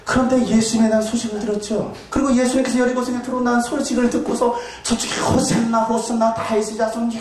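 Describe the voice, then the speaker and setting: A male pastor preaching a sermon, shouting out dramatic reenactments and urging the congregation to join in. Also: very high voice, level tone, fast, few pauses, heavy reverb, distant mic.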